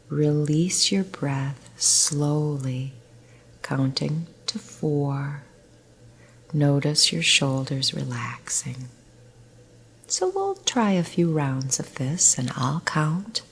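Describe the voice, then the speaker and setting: Soft, soothing and often close to a whisper, this middle-aged nurse leads a guided relaxation script focused on breathing and easing the muscles. Her woman's voice is low, slow and carries a husky, breathy edge.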